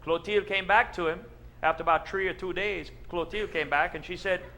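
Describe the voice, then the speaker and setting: Cajun guy doing comedy storytelling, high sharp voice, folksy and repeats stuff for emphasis. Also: fairly even intonation. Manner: folksy, drawn-out emphatic delivery with repetition. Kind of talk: humorous storytelling to an audience.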